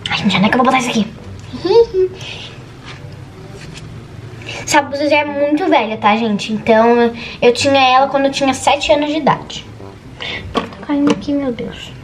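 A teenage girl with a high voice talks nervously and nonstop to her viewers. She sounds like she is in an echoey bedroom. Household noise is clearly audible behind her. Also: normal speed, long pauses, distant mic. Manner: nervous, chatty, says "gente" constantly. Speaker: vlogger. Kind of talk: casual vlog chat. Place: bedroom at home. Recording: echoey room with background noise.

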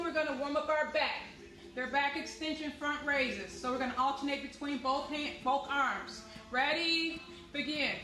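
In a medium-sized indoor room with a hard floor, a young aerobics instructor calls out brief motivational cues and counts during a workout. Her high voice sounds pushed and bright. A camera or phone a few steps away records it, and the result is rough and echoey.

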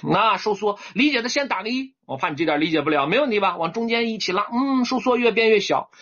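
A man's voice: high voice, animated, quick pace, fairly bright tone. A man, teaching English vocabulary in an online class and often checking whether students follow. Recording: dull lo-fi recording.

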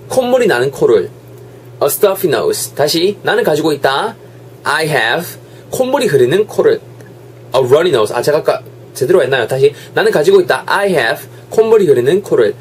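An energetic young male English teacher, drilling short phrases again and again. His voice sits somewhat high and swings widely in pitch, and a faint hum runs underneath. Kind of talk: online English lesson.

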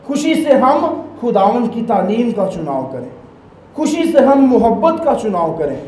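A Pakistani priest with a high but darkish male voice and a Pakistani Urdu accent delivers a Sunday homily emphatically, with sweeping hand gestures, in a small indoor church sanctuary. He speaks into a stand mic at the lectern, and the low-quality recording sounds roomy.

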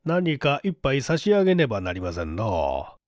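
An actor playing a shrewd, shabby 97-year-old man who talks in slow, folksy old-man speech in an audiobook drama. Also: mid-range voice, huge pitch swings, no room sound, studio quality. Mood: coaxing.

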